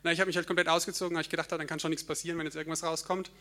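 A young man giving a personal testimony in church, an expressive storyteller who laughs at himself and breaks into bits of hymn singing. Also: a little high, racing. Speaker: church speaker sharing a testimony.

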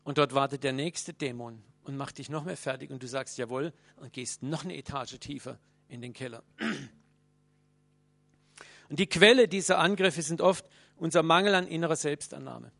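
A man preaching a sermon, speaking earnestly and directly to his listeners, swinging between loud and hushed. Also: fairly high pitch, moderate pace, vocal fry, dry recording.

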